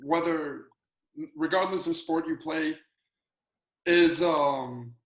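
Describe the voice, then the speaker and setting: A man's voice: fairly high pitch, takes it slowly, fairly bright tone. A young man chats eagerly over a video call as a student athlete. He talks in a slightly raised voice, full of fillers and restarts. The sound is roomy and echoey. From Colombia. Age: young adult. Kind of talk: casual video-call chat.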